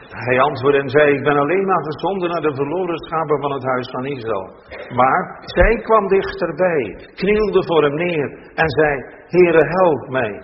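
A man reads scripture from the pulpit in a slow, weighty cadence. His emphasis climbs on key phrases, and his voice rings through a long church reverb. The recording is dull and slightly muffled, with faint background noise. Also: mid-range voice. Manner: slow, solemn reading with rising emphasis. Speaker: pastor. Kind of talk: scripture reading in a church service.

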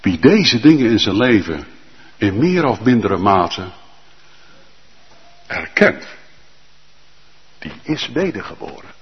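A male pastor preaching a sermon with fervent emphasis and drawn-out, emphatic lists. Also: fairly low pitch, big pitch swings, in a large hall, highs cut off.

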